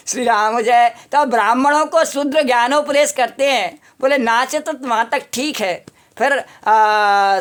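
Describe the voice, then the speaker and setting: High-voiced woman preacher telling a devotional story. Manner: storytelling sermon broken by call-and-response chants.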